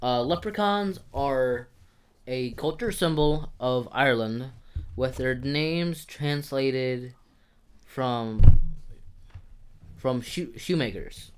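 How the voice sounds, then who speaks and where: Young man joking on a podcast. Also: medium pitch. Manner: joking, halting reading with restarts. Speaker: podcast co-host. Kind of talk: casual chat reading folklore notes.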